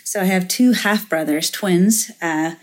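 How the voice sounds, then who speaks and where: Speaking a little slowly in a lowish voice, a middle-aged Finnish woman who works in venture capital is a guest in an interview. She reflects as she talks, with frequent fillers and restarts.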